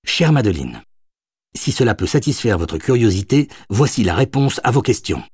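A gruff, grumpy middle-aged chef, read by a male audiobook narrator who answers with dry, curt formality. The voice sits fairly low and carries a husky edge. It is recorded close in a dry space. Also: sing-song, normal speed, darkish tone, no echo.

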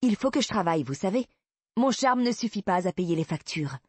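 A sassy young woman, as the narrator puts her on, stubborn and teasing, her voice lifted high and bright. Slightly breathy and dry, like a close storybook read. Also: lively intonation, fairly quick, dry recording.

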